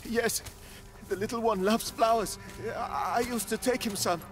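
A man's voice: high-pitched, normal speed, a bit bright, soft background music. An actor playing a loyal old male gardener in a video game, pleading and then defiant.

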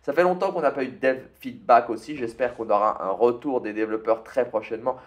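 A man with a mid-range voice chats casually over a strategy game, thinking out loud and sprinkling in little fillers. He's from France and talks straight into a desktop mic. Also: mid-range voice, fairly quick. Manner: chatty, thinks aloud with fillers and tag "hein". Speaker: gaming YouTuber.

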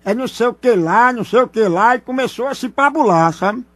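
A man's voice: very high-pitched, lively intonation, brisk, no room sound. A man voicing a nervous, stammering male prank caller in a radio prank call. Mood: hesitant. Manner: stammering, hesitant, teasing.

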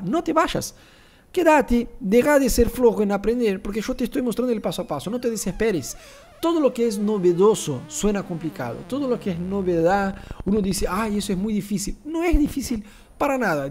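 A Rioplatense-accented man sits at his screen and walks viewers through a live online class, his voice riding fairly high. He teases his listeners and throws in rhetorical asides as he explains each step. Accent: Rioplatense Spanish. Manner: animated, teasing, rhetorical asides. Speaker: pastor teaching church advertising.

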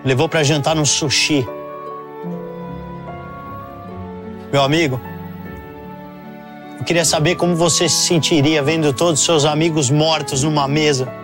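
Guy playing whiny brazilian sea superhero feeling sorry for himself, comedy interview, highish voice, music under it. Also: steady tone, moderate pace, natural voice. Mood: aggrieved. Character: put-upon, self-pitying aquatic superhero giving an interview. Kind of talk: sketch comedy mock interview monologue.

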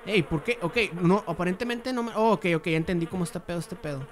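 A young man with a Mexican accent giving crude, slang-heavy commentary while playing a game, breaking into sudden shouts. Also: sits high, quick pace, a little hiss or hum. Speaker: gamer. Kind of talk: profane gameplay commentary.

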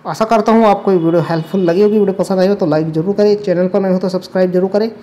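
A man's voice: sits high, fairly even intonation, rapid-fire, warm tone. A man teaching a lesson, going through a past exam paper step by step and patiently repeating each correction, with English terms mixed in. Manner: step-by-step explaining, mixes English terms into Hindi.

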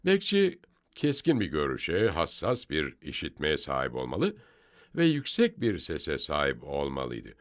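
A man's voice: very deep voice, huge pitch swings, a little slow. A man explaining Bible passages step by step in a scripture study discussion, emphatic and explanatory. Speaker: Bible teacher.

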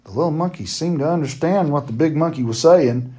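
A man reading a children's novel chapter aloud in a steady, plain storytelling manner. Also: on the high side, fairly quick, husky.

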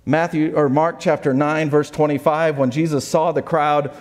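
A man's voice: on the high side, fairly even intonation, normal speed. A man preaching a sermon as pastor, reading scripture aloud with earnest, self-correcting asides.

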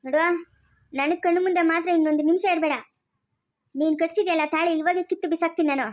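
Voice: very high-pitched, steady tone, fast. Someone acting a furious elder brother. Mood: enraged. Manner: shouting curses and threats. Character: furious stern elder village brother, man. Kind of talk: family village drama.

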